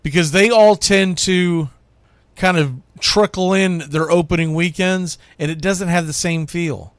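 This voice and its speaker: A middle-aged radio host and baseball play-by-play announcer with a higher-pitched voice counts down a list in an opinionated sports monologue. He loudly announces each item, then slips into quieter musing, with a steady tone, unhurried pace, and no room sound.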